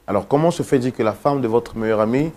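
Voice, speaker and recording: A man's voice: medium pitch, darkish tone, lightly acted. A man playing a formal talk-show host. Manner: formal, measured questioning. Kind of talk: staged talk-show interview.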